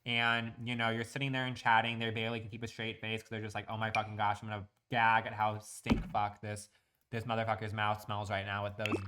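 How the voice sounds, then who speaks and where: A young man talks casually to his stream while he builds in a game. He rants in crude, profanity-laced comic bits. His voice sits a little low but sounds bright and forceful. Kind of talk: casual live-stream chat.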